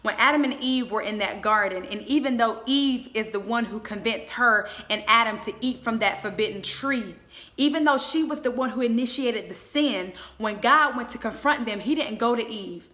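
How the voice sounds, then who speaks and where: In her twenties, a woman with a slightly high, sharp-toned voice gives a motivational faith talk. She exhorts emphatically, leaning on deliberate repetition.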